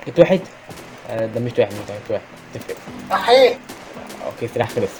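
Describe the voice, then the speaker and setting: A young man with an Egyptian Arabic accent giving excitable gameplay commentary, often shouting at enemies. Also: fairly low pitch, very fast, over music. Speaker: gaming YouTuber.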